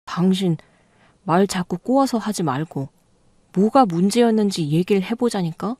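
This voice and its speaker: A woman's voice: mid-range voice, animated, moderate pace, mellow, no room sound, studio quality, natural voice. A woman voicing a clueless, defensive husband. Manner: defensive, pleading. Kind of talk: storytelling radio reading.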